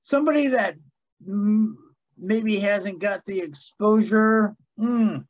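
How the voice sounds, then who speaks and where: A man in his fifties joins as a podcast guest, telling stories in an easygoing, folksy way with plenty of hesitant pauses. His voice is fairly high, and it comes through slightly dull and muffled over a call. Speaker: author and guest. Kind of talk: casual interview chat.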